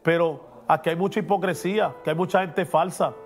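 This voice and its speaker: Pastor for a preaching podcast, high voice, emphatic, faint music underneath. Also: male voice, steady tone, a little fast. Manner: emphatic and preachy, drops English words in. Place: podcast studio.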